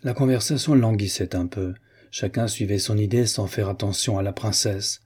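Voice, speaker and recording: A man reading a classic novel aloud as an audiobook narrator. His voice is low and husky, with a dark, mellow tone. He keeps a measured, even pace.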